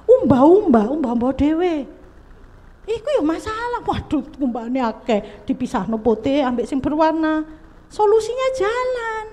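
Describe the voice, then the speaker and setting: Lively high-voiced woman speaker. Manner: animated, mixes in local dialect, addresses audience directly. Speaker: psychologist speaker at a school seminar. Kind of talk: seminar talk to parents and teachers. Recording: echoey hall reverb.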